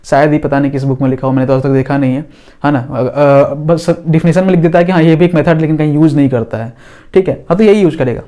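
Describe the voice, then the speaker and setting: A male physics teacher talks a class through a lesson in a high, easy voice. He draws on the board as he explains. He often pauses to check that everyone understands. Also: dark tone. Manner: talks while drawing on a board.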